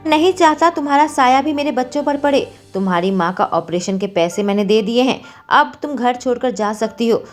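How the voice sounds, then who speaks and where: A woman's voice: a little high, expressive, normal speed, few pauses, soft background music, pitched above the performer's own voice, close to an everyday voice. Woman voicing a harsh angry male boss. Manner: harsh, scolding. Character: angry young male boss, stern widower.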